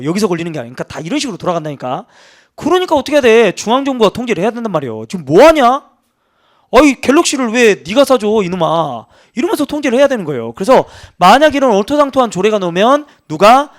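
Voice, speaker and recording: A man teaching law for exam prep, talking casually and acting out quoted officials in rough, joking banter. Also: high voice, very animated, rapid-fire. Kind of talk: lively lecture with acted anecdotes.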